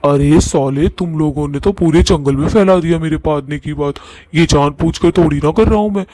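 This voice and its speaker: A man's voice: fairly high pitch, normal speed, a little mellow, no room sound, close to an everyday voice, poor audio. A man voicing a grumpy, bossy old blue ghost husband in a cartoon. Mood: defensive. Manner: bossy, scolding, defensive. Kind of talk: cartoon voice acting.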